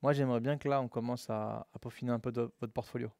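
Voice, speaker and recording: A man's voice: mid-range voice, fast talker, gravelly, no room sound. A male coding instructor speaks to his trainees in a classroom. His delivery is loose and full of slang, and his voice sits in a middle register. The sound is close and dry. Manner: relaxed and slangy, addresses students as "les gars". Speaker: web development instructor. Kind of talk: casual live classroom lesson.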